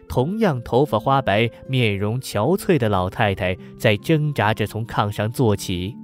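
Male narrator, measured and somber, mid-pitched, over faint music. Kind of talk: audiobook narration.

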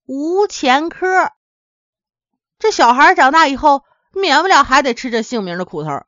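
Lively woman storyteller, dull dry recording. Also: high-pitched, a little fast, dry recording. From Henan, China. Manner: lively, chatty, addresses listeners directly. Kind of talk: folksy comic storytelling.

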